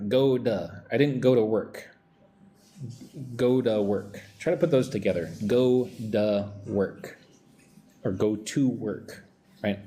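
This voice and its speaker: A man's voice: medium pitch, mellow. A man teaching English pronunciation on a live stream, talking with energy and reading out viewers' chat messages.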